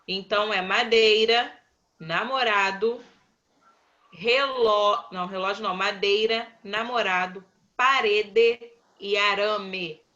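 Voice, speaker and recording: Uma professora brasileira dando aula online, chamando os alunos pelo nome e repetindo as respostas com paciência. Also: female voice, medium pitch, sharp tone, highs cut off. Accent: Brazilian Portuguese. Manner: patient, slow, calls on pupils by name and repeats answers. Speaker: primary school teacher. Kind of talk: online class, quizzing pupils.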